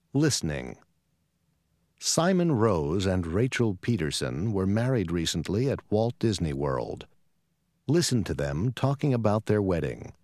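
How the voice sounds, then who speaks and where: Male textbook announcer, low lively voice, clear instructions, dry studio sound. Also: no echo. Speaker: course announcer.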